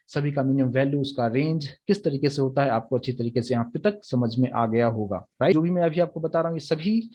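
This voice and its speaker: A man's voice: mid-range voice, dark tone, slightly rough. A young man teaching a programming lecture, explaining step by step and often checking that the students follow. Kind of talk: recorded Hindi lecture on Java.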